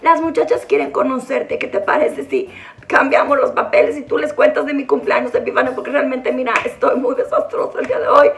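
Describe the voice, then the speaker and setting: A woman in her forties from Sinaloa, Mexico, with a hoarse voice, chatting playfully with her viewers in a casual vlog. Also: high voice, steady tone, fairly quick. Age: 40s. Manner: playful, teasing, theatrical greetings. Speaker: vlogger host.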